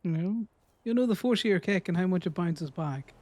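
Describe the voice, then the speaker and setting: A man's voice: high-pitched, animated, brisk, darkish tone, no room sound. A man with an Irish accent, teasing friends in casual gaming chat. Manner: teasing, joking banter.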